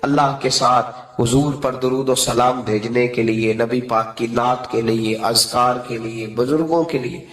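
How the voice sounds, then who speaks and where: Impassioned preacher, echoey hall. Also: male voice, fairly even intonation. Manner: impassioned, swings from soft pleading to high emphatic cries. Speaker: Islamic preacher. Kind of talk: sermon.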